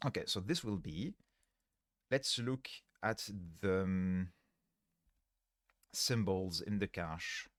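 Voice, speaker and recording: A man with a lowish voice explains his code over a livestream headset mic, thinking aloud and stopping to correct himself as he goes. He sounds tired, and the close microphone leaves the sound dry with no room around it. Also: expressive, dry recording. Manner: explains step by step, pausing and correcting himself mid-sentence. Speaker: livestreaming programmer. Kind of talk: thinking aloud while coding on a live stream.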